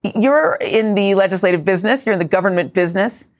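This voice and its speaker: A woman's voice: medium pitch, fast. A woman hosting a live news show, asking guests pointed, probing questions. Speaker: TV news host.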